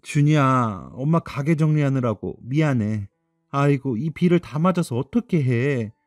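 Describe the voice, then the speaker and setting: A man voicing a worried, gentle young mother who coaxes her son in a radio drama. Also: medium pitch, animated, a little slow, no room sound, clean studio sound, natural voice. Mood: coaxing. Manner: soft, coaxing.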